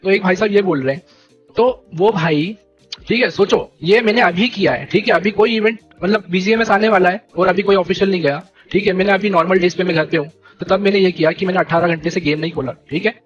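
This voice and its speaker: A young man leading a gaming team, ranting to his stream viewers in an animated, indignant way and repeating fillers. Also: high voice, fast talker, dull audio, music in the background. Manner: animated and indignant, keeps repeating "theek hai" and "bhai". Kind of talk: heated live-stream rant.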